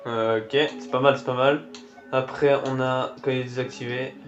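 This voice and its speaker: A gameplay commentator with a steady, mid-range voice talks at a moderate pace as he displays characters in a game. He reacts casually with exclamations at the screen, and the recording is dull and lo-fi with faint game music.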